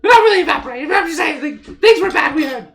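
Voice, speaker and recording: A woman voicing a tipsy, excitable halfling who sells wine, in a squeaky, loud, exclaiming voice. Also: quick pace, vocal fry, faint music behind, exaggerated voice. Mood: excited.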